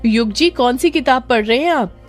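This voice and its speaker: A woman's voice: mid-range voice, brisk, dark tone, faint music behind, close to an everyday voice. A woman voicing a hurt, timid young wife. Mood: puzzled. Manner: pleading, stammering.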